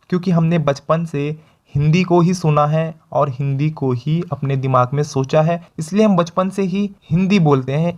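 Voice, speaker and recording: A man's voice: a little high, darkish tone. A man teaching spoken English in a motivational video lesson, coaching listeners step by step and calling them friends. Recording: dull lo-fi sound.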